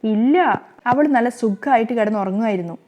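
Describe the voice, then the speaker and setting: A woman voicing a patient young husband who answers in a quiet, placating way. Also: on the high side, a little fast, close to an everyday voice. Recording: slightly muffled lo-fi recording.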